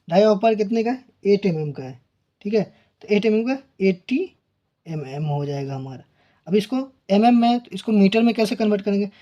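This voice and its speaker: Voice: medium pitch, dark tone, highs cut off. A tutor explaining engineering calculations step by step, often repeating numbers and phrases while working through them.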